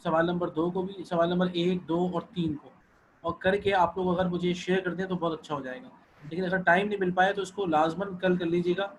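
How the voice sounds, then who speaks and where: A man's voice: high voice, steady tone, a little hiss or hum, rough recording. A man teaching an online Arabic class, patient, often repeating and checking that students follow.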